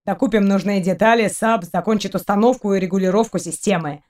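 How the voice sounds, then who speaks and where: A woman's voice: mid-range voice, a little fast, a little mellow, natural voice. A woman reading aloud, voicing a brash male ship captain who grumbles and speaks curtly. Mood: gruff. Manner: grumbling, curt.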